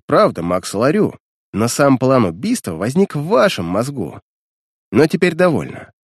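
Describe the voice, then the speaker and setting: A man's voice: on the high side, a little mellow, dry recording, studio quality, pitched above the performer's own voice. A man voicing a cold, scornful male detective as he reads a detective story aloud, speaking in a stern, clipped way.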